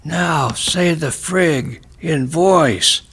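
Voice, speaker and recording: A man's voice: fairly high pitch, extremely slow, a bit bright, slightly rough, pitched above the performer's own voice, heavily acted. A man reading aloud and voicing a blunt, teasing old man who speaks in cryptic riddles. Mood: insistent. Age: older. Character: cryptic, prickly old man, former classmate.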